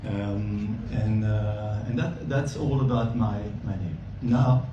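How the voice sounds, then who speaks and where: A man in his sixties from Belgium, gives a friendly speech at a gala dinner and chuckles softly. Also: lowish voice, fairly even intonation, slow, lo-fi sound. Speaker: volunteer bike instructor. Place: banquet hall. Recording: echoey hall, mic far off, noisy.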